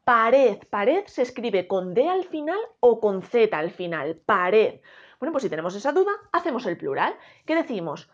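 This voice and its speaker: Woman teacher w a spain spanish accent, kinda high and really lively, stretches her words, dull lo-fi sound. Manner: slow, emphatic, asks rhetorical questions. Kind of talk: spelling lesson.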